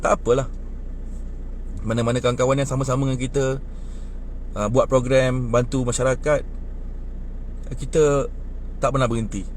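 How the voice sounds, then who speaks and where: Speaking at normal speed with frequent pauses, a sleep-deprived twentysomething with a Malaysian Malay accent vents his political views in casual street chat by a bus stop. He grows animated and indignant, pitch rising when riled, over faint hiss or hum.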